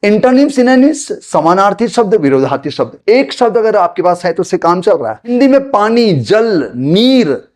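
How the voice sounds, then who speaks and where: Man, English teacher, high voice, patient repetitive explaining. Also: darkish tone. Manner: explains slowly, repeats points, addresses viewers as friends. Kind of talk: spoken English lesson to camera.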